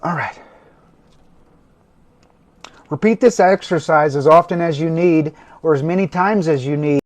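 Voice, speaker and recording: A man hosting a livestream, talking slowly and soothingly as he guides a meditation and gives instructions. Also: a little high. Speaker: host of a livestream. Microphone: phone or computer mic for a livestream.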